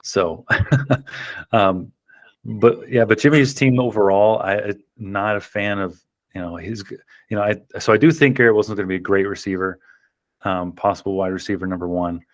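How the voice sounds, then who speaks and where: Low-voiced rambling podcast host. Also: male voice, normal speed, no echo, studio quality. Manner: rambling with many ums and restarts. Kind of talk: casual chat.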